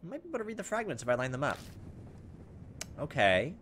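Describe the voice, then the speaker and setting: This let's play host talks fast in a fairly high-pitched male voice, reading game text aloud and muttering informal asides. Steady background noise lies over the recording.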